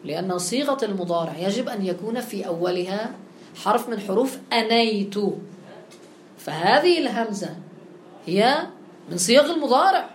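A woman teaching a grammar lesson. She keeps checking understanding with quick questions and affirmations. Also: medium pitch, expressive, echoey room, slight background noise.

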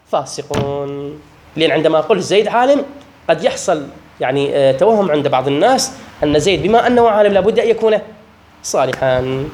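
A man with an Iraqi accent teaching Arabic grammar, explaining step by step, drawing out example words and often asking whether it is clear. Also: fairly high pitch, darkish tone, a little hiss or hum. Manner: explanatory, repeats and checks understanding often; drawn-out stresses on example words. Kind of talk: classroom grammar lesson.

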